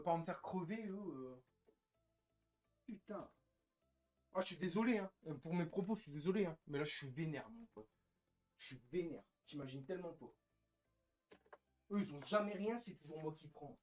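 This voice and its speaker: Streamer guy ranting on live, fed up, swears a lot, goes loud then mutters, voice sits kinda high. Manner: bitter, frustrated, swings between loud outbursts and low muttering; curses often, repeats himself. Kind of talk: casual live-stream rant.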